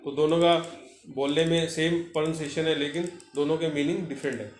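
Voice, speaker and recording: A male vocational teacher explains a textbook lesson, reading English lines slowly and then explaining them. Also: a little high, fairly even intonation. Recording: echoey room with faint noise.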